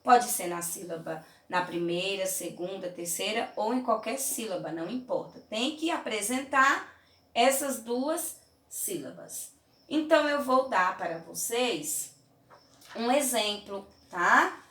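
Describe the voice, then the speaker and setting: A woman teaching young children in a remote lesson, from Brazil, patient and clear, often checking in with "tá?" and "certinho?". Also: medium pitch, expressive, measured pace, a bit bright, distant mic. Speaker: primary school teacher. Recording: roomy echo, mic held away.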